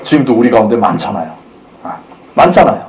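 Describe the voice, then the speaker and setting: A man's voice: medium pitch, sing-song, a little fast, darkish tone, a little hiss or hum. A male pastor giving a conversational sermon, telling the story casually and acting out the quotes with light humor.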